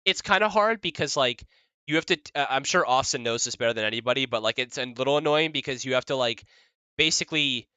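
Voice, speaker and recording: A man presenting his own work on a livestream, with a bright, ringing and very clear voice. His talk is chatty and full of fillers and restarts. He keeps mocking himself and laughing as he goes, recorded close and dry. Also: mid-range voice, dry recording. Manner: joking, self-mocking, laughs often. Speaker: developer presenting his project. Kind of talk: casual livestream demo.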